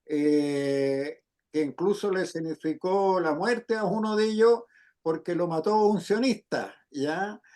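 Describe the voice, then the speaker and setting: A man hosting an interview, asking long, measured questions with hesitant fillers. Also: high voice, darkish tone. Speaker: host.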